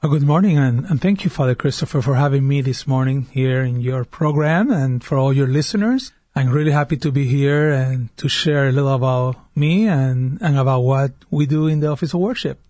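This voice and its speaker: A man's voice: medium pitch, fairly quick, few pauses, mellow, dry recording, clean studio sound. A man in his fifties from Puerto Rico with a Puerto Rican Spanish accent, a guest on a radio interview, speaking earnestly and often repeating words as he restarts. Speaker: guest, diocesan worship director. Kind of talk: radio interview, personal story.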